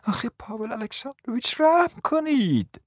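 A cunning, flattering provincial mother in a radio drama, coaxing in a smooth, persuasive voice that keeps sinking to a whisper. The sound is dry and close, with no room around it. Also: on the high side, no room sound. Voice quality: coaxing, often drops to a whisper. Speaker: scheming mother. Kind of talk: radio play acting.

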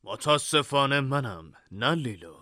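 A man's voice: mid-range voice, animated, pushed and bright, no room sound, clean studio sound. A man voicing a cold, mocking young male rival. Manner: cold, sneering.

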